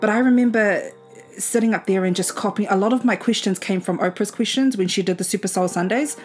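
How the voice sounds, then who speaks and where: A woman's voice: mid-range voice, brisk, darkish tone, faint music behind. A woman of about twenty-nine, chatting informally as the host of a solo podcast recorded at home. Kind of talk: casual solo podcast talk.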